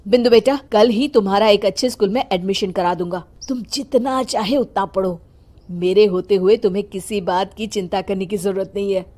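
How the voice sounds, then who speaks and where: A woman's voice: mid-range voice, moderate pace, warm tone, lightly acted. A woman voicing an indignant, protective father in a cartoon morality tale. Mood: reassuring, firm. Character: indignant, protective father standing up for his daughter.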